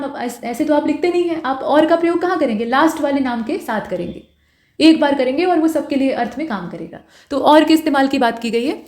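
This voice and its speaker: A woman's voice: high voice, a little mellow. A woman teaching an exam-prep lesson, going through wrong and right spellings one by one in a patient, explaining manner. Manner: explains step by step, correcting each wrong form.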